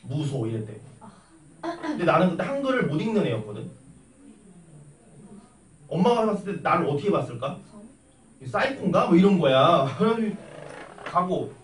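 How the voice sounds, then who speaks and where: A young man teaching math in a classroom, chatty and animated, telling stories and tossing questions at his students. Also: high voice, normal speed, long pauses. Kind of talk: classroom lecture with storytelling. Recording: echoey classroom from a distance with faint noise.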